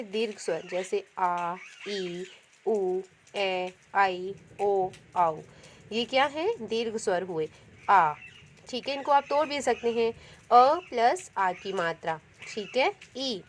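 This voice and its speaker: A woman's voice: on the high side, a little hiss or hum. A woman teacher patiently explaining a grammar lesson, repeating each point and checking in often. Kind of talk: Hindi grammar lesson with notes.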